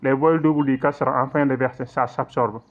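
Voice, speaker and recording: A man teaching recitation rules in an online lesson, explaining patiently, checking in often, and reciting examples slowly. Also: medium pitch, steady tone. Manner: patient, repetitive explaining with frequent check-ins; slow drawn-out recitation in demonstrations. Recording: tinny phone-like audio.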